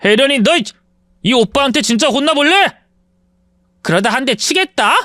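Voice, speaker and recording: A reader doing a pathetic blustering ex-husband. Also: male voice, very high voice, lively intonation, moderate pace, pushed and bright, no echo, studio quality, pitched above the performer's own voice, full character voice. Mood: angry. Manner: gruff, pleading, blustering. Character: pathetic indebted ex-husband, whiny then blustering.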